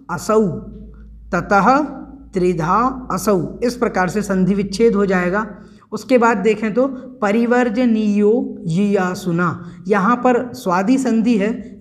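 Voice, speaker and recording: A man teaching a scripture class, explaining verses slowly and carefully and repeating words so learners get the pronunciation right. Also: high-pitched. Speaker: religious teacher. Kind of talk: chanted Sanskrit verse recitation. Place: home, online class recording.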